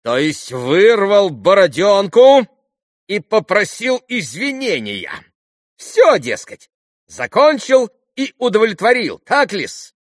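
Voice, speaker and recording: A man voicing a servile, buffoonish, agitated middle-aged captain in an audiobook, with a shrill, fawning, theatrical delivery. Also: very animated, takes it slowly, dry recording, studio quality, heavily acted. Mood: mocking.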